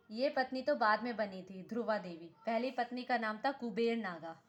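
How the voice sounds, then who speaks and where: A woman teaching an exam-prep history lesson, asking questions and answering them herself, repeating key names and often saying "theek hai" with small self-corrections. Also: fairly high pitch.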